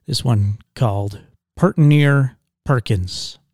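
A man's voice: mid-range voice, takes it slowly, darkish tone, no room sound. Dry-sounding man hosting a podcast. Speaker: podcast host. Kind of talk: podcast introduction, informal presenting.

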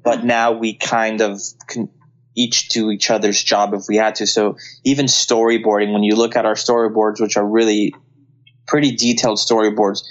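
This man, a Colombian CGI artist and filmmaker guesting on a casual interview, earnestly restarts his sentences often as he talks. His voice is on the low side with little pitch movement at a normal pace, and the recording's highs are cut off.

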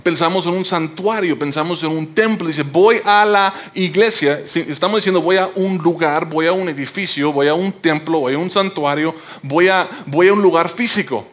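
A man's voice: on the high side, moderate pace, fairly bright tone. A man preaching a sermon in a conversational, explanatory way, often restarting his words. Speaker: pastor.

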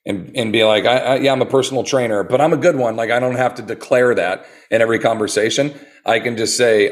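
A man who works as a personal trainer, talking earnestly in a casual interview and telling animated stories with many restarts. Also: lowish voice. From United States.

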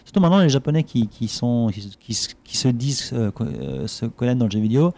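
Man, podcast co-host, fast talker, warm dark tone, chatty with lots of fillers. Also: mid-range voice, big pitch swings. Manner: quick, chatty, full of fillers. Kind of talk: casual chat.

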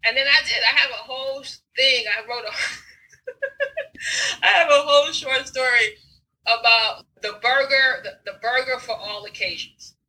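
A woman talking in a casual conversation, her voice very bright and a touch higher than most. She tells personal stories with animation, swears freely and jumps into acted-out moments. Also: normal speed, rough recording. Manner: animated storyteller, swears freely, acts out scenes. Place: Brooklyn.

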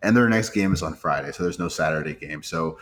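Young male podcast co-host, deep low voice, relaxed casual chatter with restarts. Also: brisk, a little hiss or hum. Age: 20s. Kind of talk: casual sports chat.

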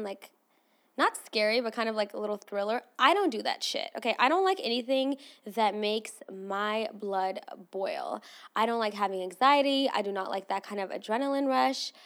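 A woman in her twenties, born in Armenia with English as her third language, hosting her own podcast in a casual, chatty solo talk with frequent asides to listeners. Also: a little high. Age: 20s. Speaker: podcast host.

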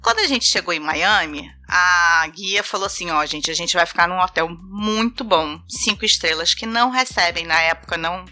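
A woman's voice: lowish voice, normal speed, few pauses. A Brazilian woman with a Brazilian Portuguese accent, telling funny travel stories in a casual chat, acting out the people she quotes. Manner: animated, acts out voices and laughs while telling stories. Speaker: guest.

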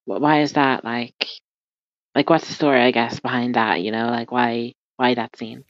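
A woman co-hosting a podcast, reading the show's opening and asking the guest halting, searching questions. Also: extremely low pitch, level tone, muffled recording. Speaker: podcast co-host.

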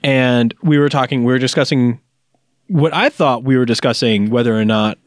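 A man's voice: medium pitch, normal speed, no echo. A man co-hosting a podcast in casual comedic chat, with a hesitant, dry-humoured delivery. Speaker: podcast co-host.

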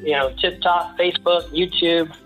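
A man chatting casually as an interview guest, rambling and halting, with a jokey way of talking. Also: a little high, fairly even intonation, a bit bright, soft background music. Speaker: podcast guest, small-business owner. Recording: slightly dull, lo-fi sound.

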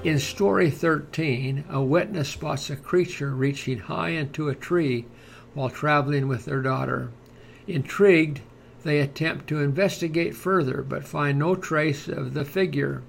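Creaky-voiced man narrating like a nature documentary. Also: fairly high pitch, a little hiss or hum. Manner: measured, formal read-aloud delivery. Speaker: podcast narrator and host.

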